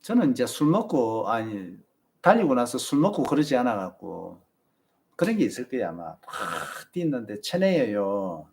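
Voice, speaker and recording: This marathon channel host has a mid-range, darkish voice with big pitch swings and a moderate pace. In casual live-stream chat, he advises his viewers in a Busan Gyeongsang Korean accent.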